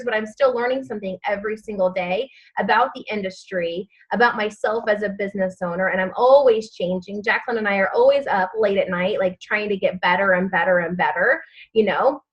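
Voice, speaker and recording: A woman's voice: medium pitch, dull audio. A woman leading a live online training session for her sales team, chatty and upbeat with lots of fillers, giving step-by-step instructions and repeating key phrases. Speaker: direct-sales team leader.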